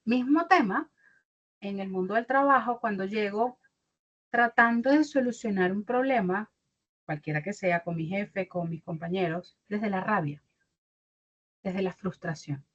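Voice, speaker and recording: A woman's voice: medium pitch, unhurried. A young adult woman, giving an online mentoring talk as a career mentor and acting out little dialogues. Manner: animated, acts out little dialogues. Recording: dull lo-fi audio.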